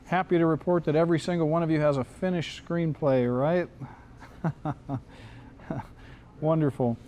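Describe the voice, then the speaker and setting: A man talks to his screenwriting class in a classroom, his voice mellow and dark. He is easygoing and jokey, circling back and restarting his sentences as he goes. A faint hiss sits under the recording. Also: on the high side, fairly even intonation, normal speed. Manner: loose, joking, many restarts. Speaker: screenwriting teacher. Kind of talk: casual classroom talk.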